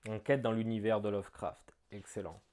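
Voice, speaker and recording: A man doing casual unboxing commentary on a gift. He thinks aloud, talks chattily and breaks into bursts of excitement. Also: fairly low pitch, a little fast. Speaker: board game unboxing vlogger.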